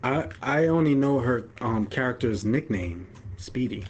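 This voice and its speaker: A man's voice: medium pitch, expressive, unhurried, husky, dull audio. A young man chatting and counting blocks aloud while building in a game with a friend. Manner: counts blocks aloud, asks lots of questions, laughs easily. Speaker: gamer and friend of the host. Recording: noisy voice chat recording.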